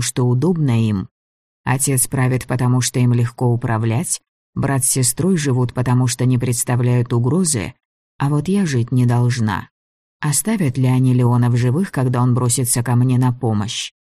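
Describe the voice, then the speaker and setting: A man narrates a fantasy audiobook in a steady, measured way. His voice is mid-pitched for a man. The sound is close and dry, with no room around it. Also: dry recording.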